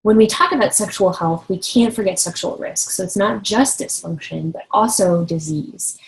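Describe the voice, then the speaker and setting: A woman's voice: medium pitch, moderate pace, creaky, rough recording. A woman in her thirties giving a recorded university lecture, explaining steadily and engagingly with the odd light laugh. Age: 30s.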